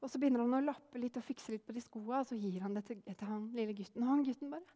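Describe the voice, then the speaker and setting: A woman telling a folk story aloud, lively, acting out the characters' lines herself. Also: a little high, long reverb tail. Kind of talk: oral storytelling.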